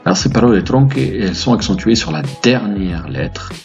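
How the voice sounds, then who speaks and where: A man's voice: lowish voice, lively intonation, normal speed, vocal fry, darkish tone, dull audio, soft background music. A man hosting a language lesson, explaining grammar to viewers in an upbeat, patient way with playful asides. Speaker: language teacher, host.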